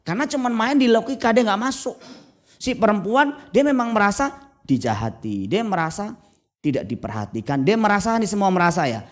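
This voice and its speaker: A man preaching a sermon as pastor at a church service, telling stories with lively energy and acting out the voices of husbands and wives. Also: high-pitched. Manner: lively storytelling, acts out spouses' voices.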